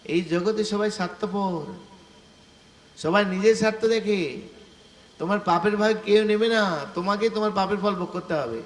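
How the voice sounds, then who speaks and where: A male preacher voicing a wise old sage who calmly admonishes a bandit. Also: sits high, normal speed, pauses often, lightly acted. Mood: admonishing. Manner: calm, admonishing. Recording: echoey room.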